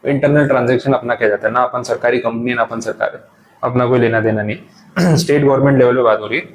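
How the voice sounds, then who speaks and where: Male lecturer, mid pitch, patient classroom explaining, faint hiss. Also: fast talker, low-quality recording. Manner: explains step by step in mixed Hindi and English. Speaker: tax lecturer.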